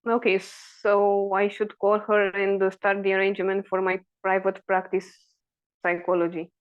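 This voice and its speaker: A woman asking personal questions as a client in a guidance session, halting and searching for words. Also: mid-range voice, little pitch movement, smooth, dull audio.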